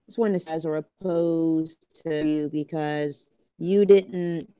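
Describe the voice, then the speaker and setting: A woman calling into a live chat, talking slowly and earnestly about faith while her call breaks up and drops out over a muffled connection. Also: low-pitched, steady tone, smooth, no room sound. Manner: slow, earnest, searching for words. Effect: call breaking up and dropping out. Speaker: caller in a live video hangout. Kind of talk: casual encouragement with church talk. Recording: muffled, dropping phone connection.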